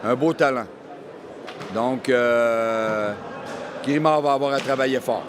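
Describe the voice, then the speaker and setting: A man's voice: mid-range voice, slow. A man with a Quebec accent giving colloquial live boxing commentary. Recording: noisy venue background.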